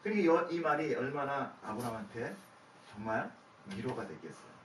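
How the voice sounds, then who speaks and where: Speaking at medium pitch and fairly quickly, a man delivers an easygoing sermon, voicing God and Abraham as they talk, laughing softly and putting questions to the audience. It's recorded from a distance in an echoey church worship room, with a little hiss or hum.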